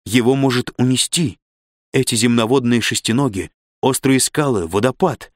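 A man reading an audiobook in a steady, expressive narration. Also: medium pitch, normal speed, dry recording, clean studio sound.

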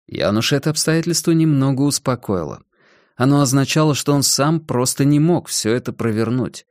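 A man reading a novel aloud as an audiobook narrator, in a measured, deliberate manner. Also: mid-range voice, no echo, clean studio sound. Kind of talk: scripted narration.

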